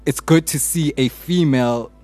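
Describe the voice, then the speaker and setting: A man's voice: a little high, normal speed, darkish tone, faint music behind. A man with a South African accent discussing casually as a podcast panelist, often checking in with small tag phrases. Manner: often tags phrases with "you know".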